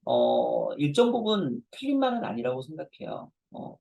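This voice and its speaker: A man's voice: a little high, sing-song, moderate pace, creaky, dry recording, phone-quality sound. A man in his forties, a professor, giving a conversational lecture to parents and telling self-deprecating stories.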